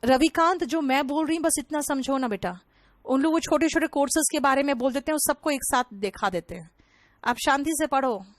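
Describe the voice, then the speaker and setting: A woman's voice: high-pitched, fairly quick, dry recording. A young woman teaching an online English vocabulary class, explaining in Hindi with English terms and calling her students "beta".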